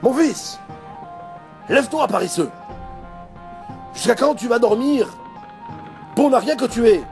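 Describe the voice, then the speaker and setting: A man voicing a clever middle-aged merchant father who loudly pretends to scold his son, with music behind. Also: extremely high pitch, animated, measured pace, vocal fry, long pauses, voice pushed up, exaggerated voice. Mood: feigned anger. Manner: loud mock scolding.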